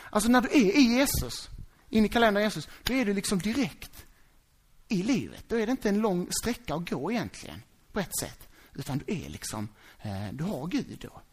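A preacher delivering a sermon in an easygoing, talkative style. The voice moves through a wide, animated pitch range. They keep breaking off to ask the listeners whether they're keeping up. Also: breathy edge. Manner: conversational, asks the congregation if they follow; animated, acts out quoted voices.

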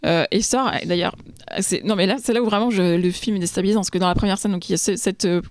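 A woman chats on a podcast in a lively, halting way, full of small restarts. Her voice sits mid-range, and the sound is dry and close. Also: medium pitch, no echo. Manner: animated, hesitant, piles up restarts. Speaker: podcast co-host. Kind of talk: casual chat.

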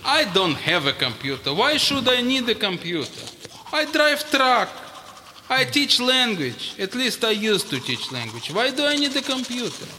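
A man playing a grumpy middle-aged immigrant father with a Moldovan accent, talking in blunt, deadpan broken English for a comedy sketch. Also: extremely high pitch, moderate pace, slight background noise, exaggerated voice. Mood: gruff. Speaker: immigrant neighbor character.

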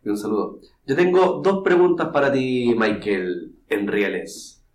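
Man with a Chilean accent, halting questions. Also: mid-range voice, expressive, darkish tone, echoey room, a little hiss or hum. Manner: hesitant, repeats himself when asking. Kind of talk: casual podcast conversation.

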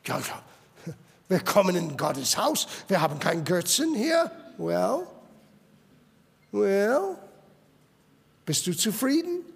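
High gravelly-voiced preacher man. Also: big pitch swings, takes it slowly, long pauses, long reverb tail. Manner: emphatic, mixes English words into German. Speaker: pastor. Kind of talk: sermon. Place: church sanctuary.

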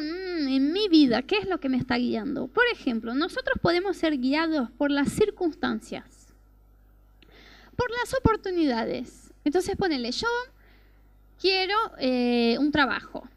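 High-voiced Argentine woman preaching earnestly. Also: no room sound. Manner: earnest storytelling with rhetorical questions. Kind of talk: personal testimony sermon.

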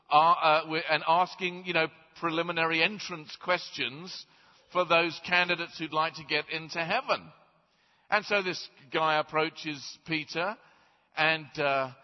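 A man preaching a sermon in a large church on a headset mic, chatty and self-deprecating. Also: a little high. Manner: self-deprecating, conversational storyteller. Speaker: guest preacher. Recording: roomy church reverb, slightly dull.

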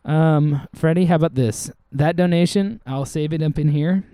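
A man co-hosting a podcast in easy casual chat. His voice is dark and mellow, recorded dry and close on a desk mic. He jokes around and laughs a lot. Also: a little high, normal speed, clean tone, no echo. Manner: joking, laughs often. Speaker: podcast co-host. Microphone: desk microphone.

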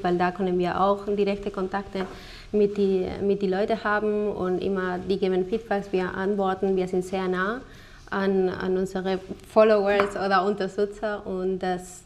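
A woman guest in a casual interview, speaking with halting, non-native phrasing. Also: medium pitch, gravelly, a little mellow, slight background noise. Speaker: guest, game developer.

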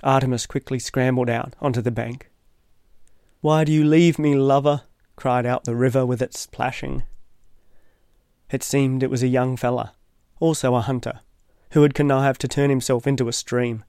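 Smooth, even-toned male narrator. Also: medium pitch, dry recording. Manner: measured and thoughtful, with dry wry asides. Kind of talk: reflective essay narration.

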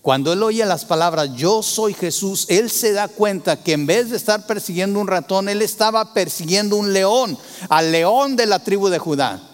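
A man preaching a sermon, asking the congregation rhetorical questions and moving between loud emphasis and hushed tones. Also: sits high, expressive, moderate pace, long reverb tail.

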